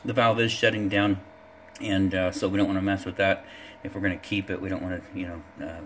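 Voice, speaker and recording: A middle-aged plumber from California casually explains a job step by step, practical and full of fillers, recorded on a handheld phone in an indoor bathroom. His voice is low-pitched, with a little hiss or hum.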